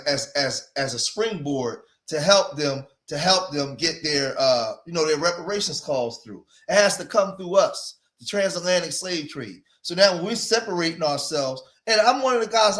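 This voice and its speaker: An animated man in his forties, with an East Coast accent and a slightly high, fairly bright voice, talks at a moderate pace with few pauses. He hosts a casual commentary livestream from an echoey room, addressing viewers directly and repeating phrases for emphasis.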